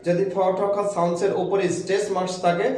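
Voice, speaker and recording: A man with a fairly high voice gives an English pronunciation lesson, drilling each rule slowly and stressing it word by word. He sounds like he's in a bare, heavily echoing room. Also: little pitch movement, darkish tone. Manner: slow, emphatic repetition of rules. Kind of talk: video lesson. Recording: very echoey room.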